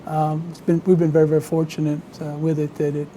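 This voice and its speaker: A man with a Southern US accent from Alabama, telling stories conversationally as an interview guest, in a halting, measured way with frequent pauses. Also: a little high, completely flat delivery, dark tone, a little hiss or hum, low-quality recording. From Alabama, United States. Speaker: interview guest, vintage biplane owner and pilot.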